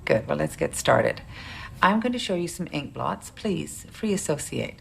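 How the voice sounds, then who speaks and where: A woman playing a psychiatrist in a comedy series, blunt and clinical, with a deadpan delivery. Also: low voice, normal speed, vocal fry, a little hiss or hum, heavily acted. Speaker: psychiatrist giving an evaluation. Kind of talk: sitcom acting.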